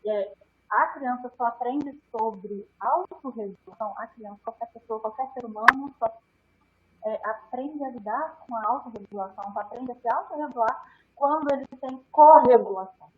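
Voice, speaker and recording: Animated woman explaining, lo-fi sound. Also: fairly high pitch, moderate pace, noisy background. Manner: animated, acts out quoted adults, frequent "né?" tags. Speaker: guest neuropediatrician. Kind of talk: explanatory interview talk. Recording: dull lo-fi sound.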